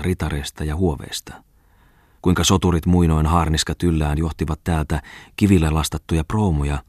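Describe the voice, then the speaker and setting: Low husky male reader, calm literary narration, dry close sound. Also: dry recording. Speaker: audiobook reader.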